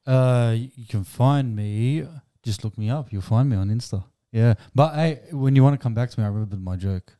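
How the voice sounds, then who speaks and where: A man chatting casually and telling jokes with a halting, conversational delivery. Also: mid-range voice, mellow, no echo, clean studio sound. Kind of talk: casual chat and joke telling.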